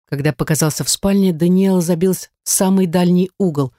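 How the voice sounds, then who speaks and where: An audiobook narrator reading a novel aloud in an even, measured storytelling voice. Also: mid-range voice, dry recording, studio quality.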